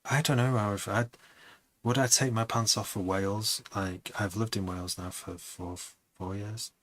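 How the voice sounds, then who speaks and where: A man's voice: on the low side, steady tone, normal speed, a bit bright, poor audio. A man who produces music, chatting casually on a live stream, rambling and hesitant with many restarts.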